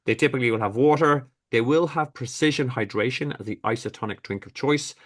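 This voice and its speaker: A man's voice: medium pitch, fairly quick. A man hosting as a triathlon coach, upbeat and chatty in conversation. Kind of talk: conversational talk.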